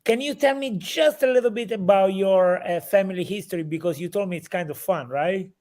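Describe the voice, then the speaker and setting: A man with an Italian accent hosting a live interview in English, effusive and halting with fillers. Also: high voice, a little mellow. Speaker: host.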